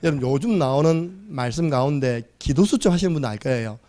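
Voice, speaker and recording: Animated, high-voiced male pastor preaching. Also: quick pace. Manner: emphatic, exclamatory preaching with rhetorical questions. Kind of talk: sermon. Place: church sanctuary.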